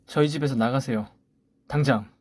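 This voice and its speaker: A man's voice: medium pitch, moderate pace, darkish tone, no echo, lightly acted. A man voicing an indignant young pregnant wife. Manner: pleading, defiant protests. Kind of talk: story radio voice acting.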